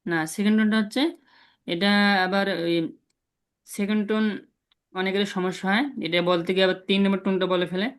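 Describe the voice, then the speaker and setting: A patient man leads an online language lesson over a video call. He repeats each sound slowly and clearly so his students can copy him, with a steady, encouraging pace. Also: high-pitched. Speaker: language teacher.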